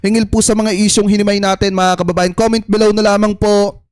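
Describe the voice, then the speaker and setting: Male vlogger, high-pitched, dry close sound, earnest direct address to viewers. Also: little pitch movement, brisk, darkish tone, no echo, faint music behind. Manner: earnest, repeatedly asks viewers for their view. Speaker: political commentary vlogger. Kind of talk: casual commentary addressing viewers.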